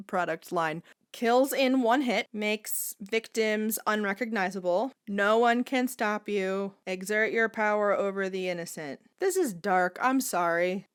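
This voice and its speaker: A young woman video creator giving sardonic, lively comedic commentary while testing an app, often laughing. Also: mid-range voice, clear, resonant tone.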